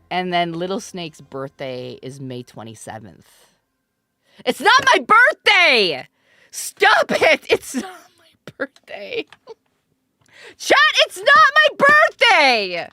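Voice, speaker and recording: Playful, bright-voiced woman streamer. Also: high voice, no room sound. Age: 30s. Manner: playful and teasing, laughs often, bursts into loud mock protests. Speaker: streamer host. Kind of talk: casual live-stream chat.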